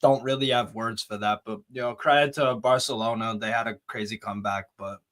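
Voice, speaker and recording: A man's voice: fairly low pitch, fairly even intonation, fairly quick, a bit bright. A man on a football podcast panel, angry and swearing as he rants about his team, still shaken up. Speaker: panel guest. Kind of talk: heated fan rant.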